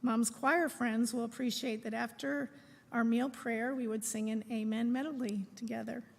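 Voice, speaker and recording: A middle-aged woman reads a prepared eulogy aloud in a measured, phrase-by-phrase way, speaking in a large room. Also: a little high, fairly even intonation, vocal fry. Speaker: daughter giving a eulogy. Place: large room at a memorial service. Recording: echoey hall with long reverb.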